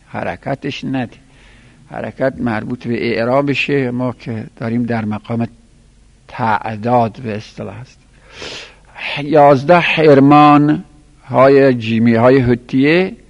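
Gravelly man dictating a lesson slowly. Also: mid-range voice. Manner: counts items aloud and spells letters slowly. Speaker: teacher. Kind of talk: classroom lesson dictating Arabic verbal nouns. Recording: lo-fi recording in a reverberant room.

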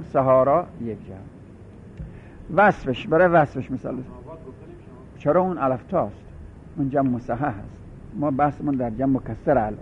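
A man teaching a classroom grammar lecture, methodically repeating and spelling out word patterns. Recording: tinny phone-like audio with faint rumble.

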